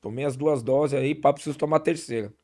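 A man's voice: mid-range voice, quick pace. A man telling stories in a casual podcast chat, full of slang and restarts. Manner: relaxed storytelling, heavy slang, frequent restarts. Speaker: podcast guest.

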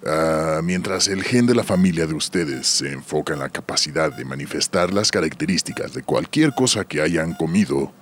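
A man's voice: a bass voice, lively intonation, normal speed, hardly any pauses, a little hiss or hum. A man acting a grave doctor and storyteller in an audio drama, with a solemn, scripted delivery.

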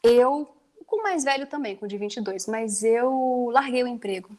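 A woman from Brazil in her forties chats casually about family life. Her voice sits a little high, and she keeps dropping small tag questions into her speech. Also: animated, normal speed, a little mellow. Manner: chatty, many fillers like "né". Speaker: mother, conversation guest. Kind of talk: casual chat.

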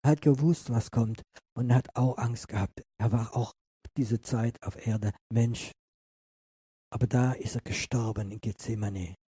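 A man's voice: mid-range voice, fairly even intonation, unhurried, mellow, breathy edge, dry recording. A male pastor giving an earnest, impassioned sermon that often turns to address the listeners directly.

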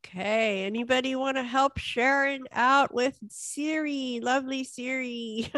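A woman's voice: high-pitched, steady tone, measured pace, a bit bright, no echo, studio quality. A woman moderates a casual group question-and-answer session, calling on people to speak.

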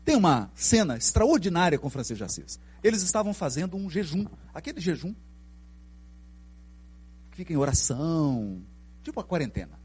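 A middle-aged Brazilian man with a Brazilian Portuguese accent giving a spiritist lecture, telling stories in an animated way and asking the audience questions. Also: on the high side, moderate pace, husky. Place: lecture hall.

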